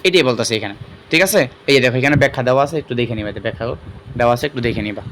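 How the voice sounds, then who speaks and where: A man teaching an online madrasa lesson. He explains step by step, repeats key terms and often pauses on fillers. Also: mid-range voice, fairly bright tone, a little hiss or hum. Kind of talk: online exam-prep lesson.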